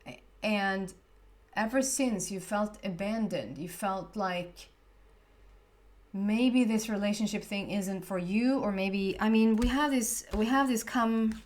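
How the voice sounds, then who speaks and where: Taking it slowly in a mid-range voice, a Swedish woman with a Swedish accent reads tarot casually. She chats away but often searches for the right words.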